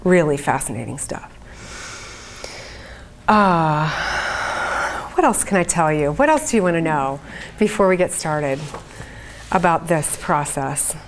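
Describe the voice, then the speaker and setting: A woman's voice: sits low, expressive, unhurried, long pauses, slight background noise. A woman speaking informally to a group as a spiritual channeler, with an earnest, conversational manner. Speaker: trance channeler leading a group event. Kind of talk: informal spoken talk to an audience.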